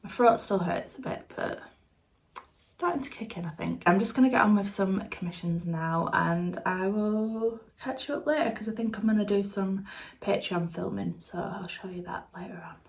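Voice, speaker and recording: Stuffed up and nasal from a cold, a woman with a medium-pitched voice, some vocal fry and a slightly rough quality talks at a moderate pace. She's an artist vlogger casually showing viewers around her small home studio, meandering and leaning on filler words.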